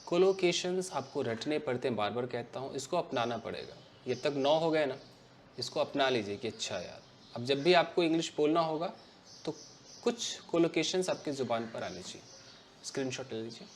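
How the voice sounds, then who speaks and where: A man's voice: mid-range voice, animated, normal speed, slight background noise. A young man teaching English collocations in a bilingual grammar lesson. He explains each phrase and reads out example sentences.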